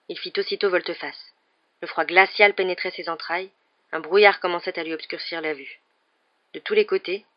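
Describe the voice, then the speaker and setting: An audiobook narrator reading a novel aloud in a steady, dramatic way. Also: medium pitch, muffled recording.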